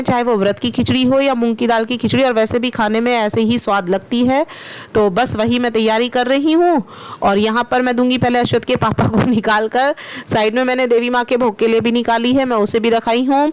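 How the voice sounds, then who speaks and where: Higher-pitched woman narrating a home vlog. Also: smooth. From Meerut, India. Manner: chatty, explains steps and addresses viewers directly. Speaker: vlogger and housewife.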